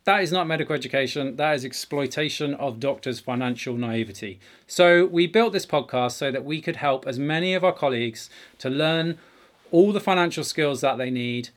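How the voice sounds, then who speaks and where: A man's voice: on the high side, normal speed. Male podcast host talking in a garage. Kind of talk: conversational podcast presenting. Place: home garage.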